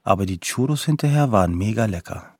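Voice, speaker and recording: Playful curious young woman, man reading her in a husky voice, dry close sound. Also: fairly low pitch, animated, a little fast, darkish tone, no room sound. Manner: quoted lightly in the narrator's own voice.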